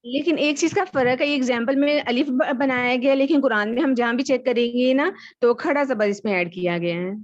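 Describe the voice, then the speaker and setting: A woman student reading a grammar lesson aloud slowly and carefully in an online class. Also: high-pitched, highs cut off. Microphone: video call.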